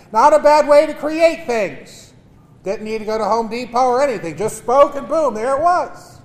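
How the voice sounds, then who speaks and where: High-pitched priest preaching in a big church, earnest with little jokes, echo hanging in the air like a cathedral. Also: male voice. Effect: long cathedral-like reverb. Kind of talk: Mass gospel reading and homily. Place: large church. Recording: echoey church hall.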